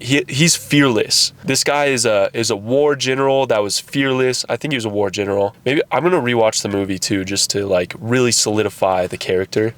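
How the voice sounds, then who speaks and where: A man's voice: fairly low pitch, no room sound. Rambling young man vlogging to camera. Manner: rambling, self-deprecating, asks the viewer questions. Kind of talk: casual vlog talk to camera.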